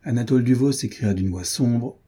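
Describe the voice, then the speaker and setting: A man narrating a story with a measured, deliberate delivery. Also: medium pitch, dark tone, breathy edge. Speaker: audiobook reader.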